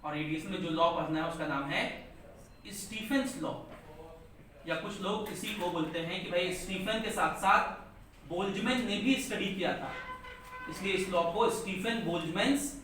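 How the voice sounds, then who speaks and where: Recorded from a distance in a big, echoing classroom with faint noise, a man teaches physics at a moderate pace. His voice is high and fairly bright, and he poses questions while repeating important terms.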